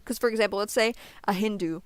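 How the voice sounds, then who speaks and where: A man's voice: high-pitched, quick pace, clear, resonant tone, no echo. A man in a street debate about faith, patiently explaining and often checking "you understand?". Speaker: religious debater.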